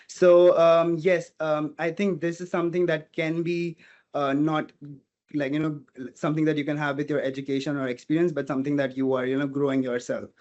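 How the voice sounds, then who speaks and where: Fairly quick and a little high, his voice is slightly mellow with little pitch movement, captured on dull audio. He's an earnest hospitality student from India, a native Portuguese speaker, reasoning aloud during a relaxed interview and frequently saying "you know."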